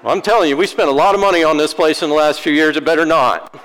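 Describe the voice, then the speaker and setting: A priest delivering a sermon in a church, with wry, self-deprecating humor. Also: male voice, fairly high pitch, fast, a bit bright, slight background noise. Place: church sanctuary. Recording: long church-hall reverb.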